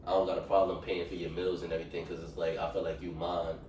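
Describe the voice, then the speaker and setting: A man's voice: sits low, flat delivery, fast talker, a little mellow. A man, a podcast guest, rambling in a casual group chat with many fillers. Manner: rambling, heavy use of fillers. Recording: echoey room, mic far off, faint noise.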